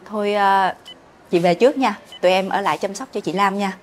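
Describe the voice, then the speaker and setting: A woman's voice: mid-range voice, brisk, a little hiss or hum, close to an everyday voice. An actress playing an evasive woman, hesitating with many fillers. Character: evasive woman making excuses to leave.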